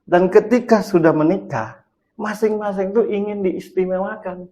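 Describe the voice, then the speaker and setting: A man's voice: high voice, normal speed. Reflective man musing on marriage. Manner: reflective, acts out examples, swings from loud to hushed. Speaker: host. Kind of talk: casual talk on marriage.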